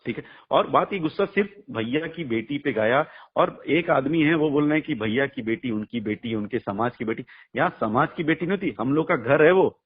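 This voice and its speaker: A music artist's manager, interviewed by phone, argues his case bluntly and emphatically in a heated conversation full of rhetorical questions. His medium-pitched voice is expressive with a breathy edge, at normal speed with few pauses. The phone call recording is muffled and lo-fi.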